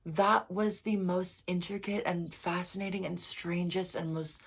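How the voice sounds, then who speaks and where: A woman reacting to an album in a casual vlog, emotional and gushing, full of "like" fillers and soft near-whispers. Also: lowish voice, flat delivery, unhurried, slightly rough. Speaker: music reaction vlogger.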